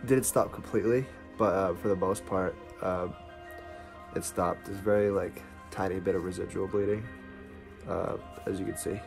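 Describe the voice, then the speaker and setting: A man giving a casual, halting and matter-of-fact video diary update, sounding congested from nose packing. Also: low-pitched, fairly even intonation, creaky, faint music behind. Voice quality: congested, blocked nose from nose packing after surgery. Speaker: vlogger.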